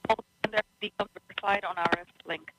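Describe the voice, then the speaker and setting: A man's voice: high-pitched, steady tone, very fast, noisy background. A man giving terse procedural callouts over a radio transmission that keeps breaking up. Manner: clipped, procedural. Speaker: launch team console operator.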